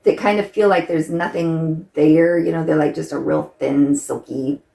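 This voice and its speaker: A woman's voice: low voice, fairly even intonation, normal speed, gravelly, mellow. A middle-aged woman chatting casually to camera while doing her makeup, rambling and filling her talk with "like". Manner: rambling, chatty, many "like" fillers. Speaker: vlogger.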